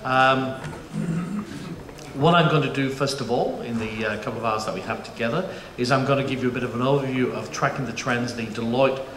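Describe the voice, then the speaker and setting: Speaking briskly in a medium, slightly bright voice, a chatty man from the UK moderates a panel at a conference. He jokes, uses fillers, and restarts frequently, while the auditorium adds echo and a faint background of room noise.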